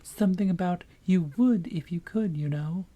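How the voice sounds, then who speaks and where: A man voicing a tiny, sad insect with a high, thin, plaintive voice in a storybook reading. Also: normal speed, dark tone, dull audio. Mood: wistful.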